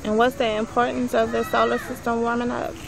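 A woman interviewing off camera in a park, asking short, halting questions. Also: a little high, level tone, vocal fry. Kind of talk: street interview. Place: outdoor city park, behind the camera. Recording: outdoor mic with crowd noise.

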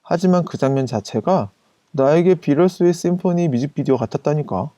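A man with a fairly high, mellow voice reads out a first-person anecdote in an even, casual way. The sound is close and dry, with no room around it. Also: brisk, no echo. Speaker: story narrator. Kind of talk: scripted first-person storytelling.

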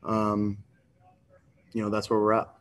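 A man's voice: lowish voice, completely flat delivery, measured pace. A young man in his twenties, a quarterback answering questions at a postgame video press conference in a subdued way, with many ums and stock phrases. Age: 20s. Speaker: football quarterback. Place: indoors in front of a sponsor backdrop. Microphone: desk mic on a video call.

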